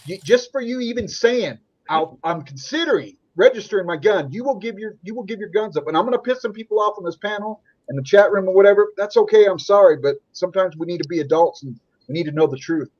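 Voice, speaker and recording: A man's voice: high-pitched, fast talker, few pauses, a little mellow. A man speaking bluntly and combatively on a livestream panel, often repeating himself, heard over lo-fi online call audio. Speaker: panel guest. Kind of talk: heated livestream panel talk.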